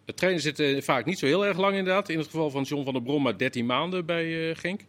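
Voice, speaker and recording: A man's voice: on the high side, quick pace, fairly bright tone. Man steering a football chat. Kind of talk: casual studio discussion.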